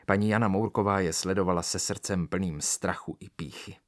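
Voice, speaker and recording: A man narrating a children's story aloud with expressive, animated delivery. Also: low-pitched, no echo, clean studio sound.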